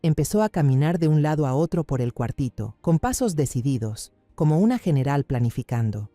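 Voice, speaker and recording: A man's voice: on the high side, expressive, a little fast, dark tone, no room sound, faint music behind. A man reading a somber, dramatic first-person story as scripted narration.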